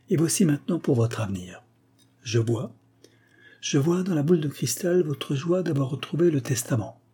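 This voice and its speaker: A man voicing a composed, ironic gentleman who calmly lays out a swindler's fraud in a spoken story. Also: mid-range voice, breathy edge. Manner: calm, pointed, unhurried accusation.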